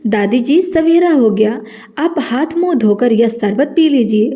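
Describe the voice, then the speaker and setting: A woman voicing a goddess disguised as a little girl, calling out loudly in a story. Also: fairly high pitch, animated, measured pace. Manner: loud, calling out.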